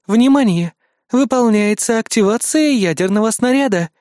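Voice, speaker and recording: A man's voice: high-pitched, slow, darkish tone, no room sound, clean studio sound, voice pushed up. A man doing a cool system announcer. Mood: alarm. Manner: raised, clipped announcements.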